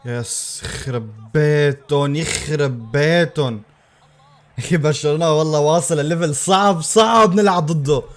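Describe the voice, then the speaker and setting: Male football reactor, pitched high, loud repeated exclamations. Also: moderate pace. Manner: excitable, exclaiming and repeating himself. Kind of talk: live match reaction.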